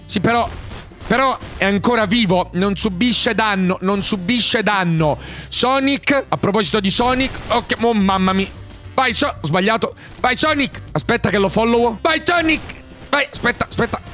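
A man giving loud, hyperactive gameplay commentary, often shouting and breaking into sing-song outbursts. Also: sits high, normal speed, soft background music. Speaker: gaming YouTuber.

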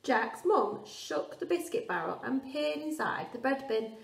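A woman primary teacher reading a storybook aloud to children with lively emphasis. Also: high voice, unhurried, gravelly, recorded from a distance. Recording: roomy echo, off-mic.

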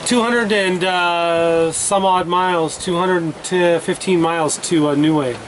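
A solo sailor in his fifties keeps a casual video diary from the cockpit of his sailboat at sea, rambling easily and often correcting himself. His voice is high and his pace slow. The handheld camera, held at arm's length, picks up wind and water noise.

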